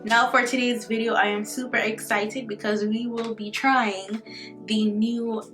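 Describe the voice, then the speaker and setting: A woman with a slightly high, fairly bright voice delivers her lines flatly and without hurry over soft background music. She is a Jamaican-accented beauty vlogger in her twenties, talking casually and cheerfully to viewers about skincare. Her camera mic captured it at home, in a room that isn't the bathroom.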